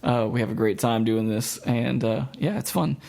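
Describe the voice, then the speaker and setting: A man hosting a laid-back podcast with friends. His voice is average in pitch with a gravelly edge, and he laughs easily as he wraps up the episode and points listeners to the show's pages. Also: moderate pace, mellow. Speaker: podcast host. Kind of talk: casual podcast chat.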